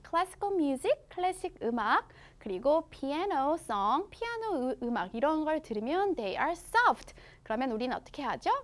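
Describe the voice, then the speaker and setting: A woman with a Korean accent teaching children English through a picture book, reading the English slowly and explaining each part in her own language. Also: high voice. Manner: slow, exaggerated English read-aloud with quick explanations in her own language. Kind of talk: bilingual storybook lesson for children.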